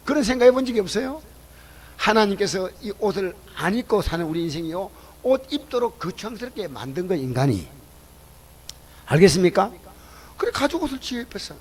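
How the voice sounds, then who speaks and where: A man preaching a sermon at a church service. He questions the congregation and swings between loud exclamations and low asides. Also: sing-song, fairly quick, husky, rough recording. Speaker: pastor.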